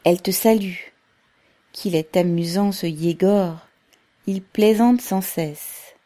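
A woman's voice: on the low side, slow, dark tone. A woman reading aloud, voicing an earnest, worried older working-class mother in a story. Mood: eager.

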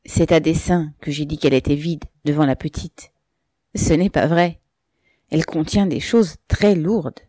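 A woman voicing a thoughtful, quiet bearded male peasant who speaks low and pensively, read from a storybook. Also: unhurried, no echo, clean studio sound.

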